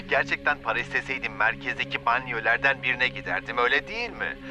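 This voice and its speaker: A man's voice: mid-range voice, lively intonation, fast talker. An actor playing a vengeful, menacing male hostage-taker who taunts and threatens over a speakerphone in a dubbed thriller. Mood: mocking menace. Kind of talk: dubbed film thriller acting. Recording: muffled phone line with music underneath.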